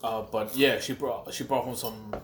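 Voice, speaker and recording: A man chats loosely with a friend, meandering through his thoughts with pauses and offhand swearing. His voice sits at an ordinary middle pitch, with a faint hum behind it. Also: fairly even intonation. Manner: rambling and profane, with frequent pauses. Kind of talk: casual chat.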